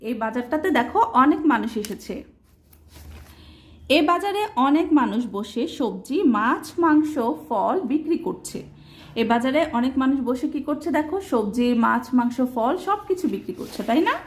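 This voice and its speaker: A woman's voice: sits high, animated, moderate pace. A woman teaching a primary school language lesson, asking questions and answering them herself, spelling words out letter by letter. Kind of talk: explaining a children's textbook lesson.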